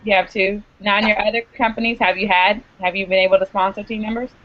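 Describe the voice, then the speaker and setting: A woman's voice: medium pitch, steady tone, a little hiss or hum. A woman hosting a live online video hangout, upbeat and encouraging in casual chat. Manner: upbeat, encouraging, quick asides. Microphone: video call. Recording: dull lo-fi web call audio.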